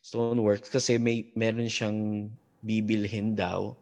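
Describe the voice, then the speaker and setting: A man, a podcast guest, telling a story in casual talk, halting and full of fillers and restarts. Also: on the low side, little pitch movement, a little mellow.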